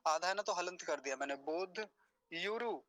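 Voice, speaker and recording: Male pronunciation teacher, high-pitched, patient, stretches out each syllable in demonstration. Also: fairly bright tone, no echo. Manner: patient, repeats syllables slowly and deliberately; explains step by step. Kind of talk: pronunciation lesson.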